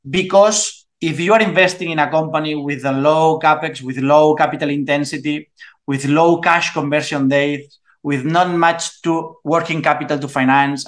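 A native Spanish-speaking man with a Spanish accent explains his work off the cuff as a guest teacher, groping for English words as if translating in his head. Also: a little high. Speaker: investment course teacher and guest.

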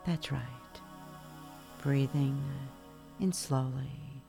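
A woman guiding a relaxation meditation in a soft, soothing, hushed spa voice, leaving long pauses between phrases. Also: extremely low pitch, steady tone, creaky. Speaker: meditation guide. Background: music.

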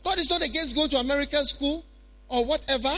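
A man's voice: very high voice, fast, pushed and bright. A man with a Ghanaian accent preaching a sermon in an emphatic, repetitive way, full of rhetorical questions.

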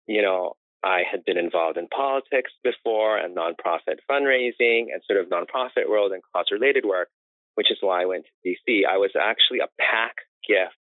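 An American man with a lowish voice is interviewed about his life and work as an interior designer, chatting away with long stories and frequent laughter. The audio sounds tinny and phone-like, dry with no room sound.

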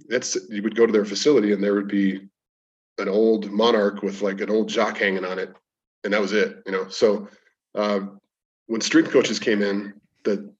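A man with a lowish voice tells casual stories as a podcast guest, circling back and restarting as he goes. The recording sounds dull and lo-fi, as if he were sitting back from the mic. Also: recorded from a distance. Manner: rambling, anecdotal, frequent restarts. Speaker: podcast guest, strength coach. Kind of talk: casual storytelling interview.

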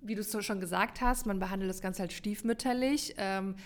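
A woman's voice: medium pitch, brisk. A woman co-hosting a podcast, explaining in long emphatic runs with many fillers in a casual chat. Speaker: podcast co-host.

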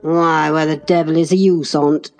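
A surly, unlettered young farmhand with a Yorkshire accent, voiced by a woman answers in blunt growls. He sounds rough and grudging. Faint music plays behind. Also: deep voice, fairly even intonation, unhurried.

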